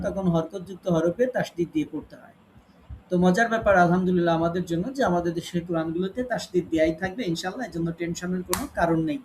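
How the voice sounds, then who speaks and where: A man teaching an online tajweed class, patiently explaining rules and slowly reciting Arabic examples. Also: high voice, slight background noise. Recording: echoey room with faint ambience.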